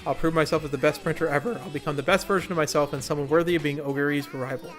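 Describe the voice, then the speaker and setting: A man's voice: fairly high pitch, steady tone, racing, lightly acted. A man reading aloud the lines of a determined, gung-ho young racer girl from a game story, with faint music behind. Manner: earnest, gung-ho, read aloud plainly.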